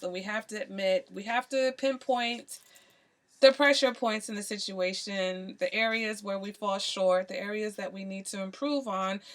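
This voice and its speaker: A woman's voice: mid-range voice, a bit bright. A woman giving a tarot reading to camera, earnest and emphatic, repeating phrases and often checking in with "okay?". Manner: repeats phrases for emphasis, many "you know" fillers. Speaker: tarot reader.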